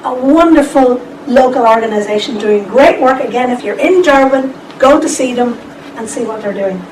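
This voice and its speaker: A woman gives a lively seminar presentation, turning to the audience with asides now and then. Her voice sits a bit high. The recording is roomy and distant, with steady noise behind her. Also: normal speed. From Ireland. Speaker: conference speaker. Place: lecture room. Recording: echoey room, distant mic, background noise.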